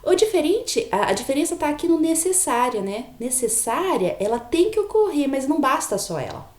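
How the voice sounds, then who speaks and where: Woman, logic lecturer, mellow tone, patient explanations, frequent check-ins with class. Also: high-pitched, very animated, moderate pace, reverberant. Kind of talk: recorded online lecture.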